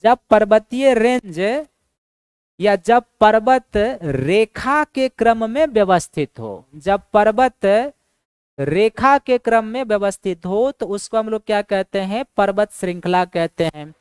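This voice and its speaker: A woman's voice: mid-range voice, measured pace, darkish tone, smooth, no room sound, studio quality. A woman giving a geography lecture for exam preparation, asking rhetorical questions, answering them herself and repeating key points. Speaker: geography teacher for exam prep. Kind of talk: classroom lecture.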